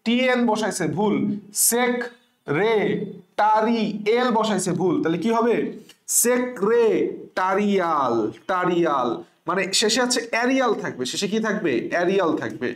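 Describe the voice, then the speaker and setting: A tutor with a Bangladeshi Bengali accent giving an online revision lecture, spelling words out slowly letter by letter, repeating them, and asking the class questions before answering them. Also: medium pitch, animated. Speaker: admission exam tutor. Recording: echoey room.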